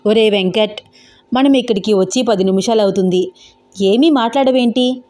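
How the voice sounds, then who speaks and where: A woman's voice: on the high side, normal speed, darkish tone, lightly acted. A woman voicing an easygoing young man who teases his best friend, in a storybook reading. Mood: teasing. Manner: casual, teasing.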